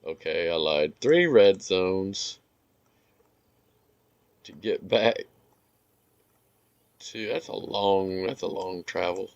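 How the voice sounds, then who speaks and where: Slow, low-voiced man rambling over gameplay. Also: gravelly, no room sound, lo-fi sound. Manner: rambling, relaxed, with filler words. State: hiccups. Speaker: gaming video creator. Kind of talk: casual gameplay commentary.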